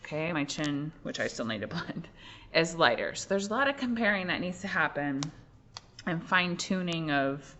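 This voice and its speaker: Here a young adult woman with a deep, expressive and slightly bright voice walks through a relaxed drawing lesson at a moderate pace. She's an art teacher narrating every step, filler words and all. The recording is muffled and lo-fi, carrying faint room noise.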